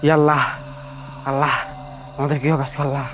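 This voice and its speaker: Music runs behind a man conducting a staged horror search in the dark, out by fields and trees. He sounds frantic, calling out the same things over and over, in a medium-pitched, slightly bright voice that moves little in pitch and comes at a quick pace.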